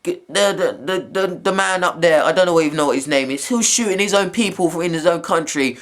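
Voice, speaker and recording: A man's voice: high voice, fast, a bit bright. A young man, giving a heated, repetitive rant to camera in a video blog. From England. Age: young adult.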